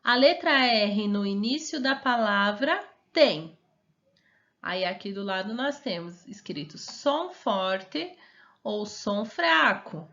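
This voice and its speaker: A woman's voice: medium pitch, animated, fairly bright tone, highs cut off. A woman teacher with a Brazilian Portuguese accent giving a remote lesson to young children, stretching out each word and asking coaxing questions. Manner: slow, syllable-stretched reading of words, coaxing questions.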